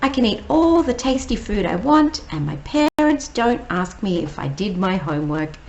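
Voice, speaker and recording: A woman teacher, reading a picture book aloud slowly and explaining each word. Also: medium pitch, sing-song, creaky, darkish tone, muffled recording. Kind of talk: read-aloud storytime.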